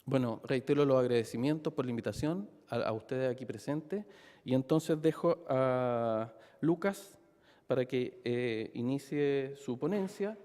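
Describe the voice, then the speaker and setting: Mellow man moderating in a hall. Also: medium pitch, measured pace. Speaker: panel moderator. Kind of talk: formal panel introduction. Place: reverberant hall at a colloquium. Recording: echoey hall with long reverb.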